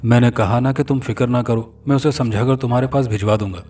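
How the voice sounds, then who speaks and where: A man's voice: mid-range voice, fairly even intonation, fairly quick, warm tone, slightly rough, far from the mic, faint music behind, close to an everyday voice. A man voicing a worried, fatherly older man in a storybook horror tale, speaking anxiously and coaxingly.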